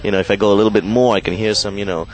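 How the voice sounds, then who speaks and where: Interviewee, male, from Sri Lanka, lowish voice, animated and rambling. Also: very fast, rough recording. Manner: animated, proud, rambling with fillers. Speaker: interviewee, local resident. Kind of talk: casual interview talk.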